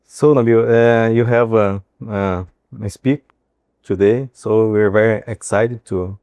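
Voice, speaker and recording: A man's voice: lowish voice, steady tone, takes it slowly, a little mellow, clean tone, no echo. A man co-hosting a podcast interview who chimes in briefly and in a friendly way.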